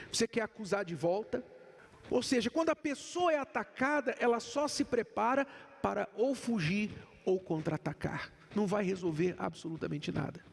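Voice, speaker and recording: A man's voice: sits high, gravelly, breathy edge, long reverb tail. A man with a Brazilian accent giving a sermon-like talk on relationships, emphatic and full of rhetorical questions. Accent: Brazilian Portuguese. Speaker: couples speaker.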